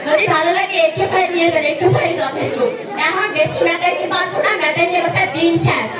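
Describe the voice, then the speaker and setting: A young woman with a Barisal Bangladeshi accent playing a brash, boastful roadside tonic hawker, in a declamatory, sing-song carnival barker's sales pitch on stage. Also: fairly even intonation, quick pace, loud music behind the voice. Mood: teasing, boastful. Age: young adult. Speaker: student performer in a stage act. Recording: echoey hall, distant mic, crowd.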